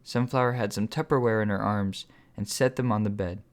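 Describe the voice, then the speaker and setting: A man, author and narrator, reading his own story in first person at a steady, measured pace. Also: fairly low pitch.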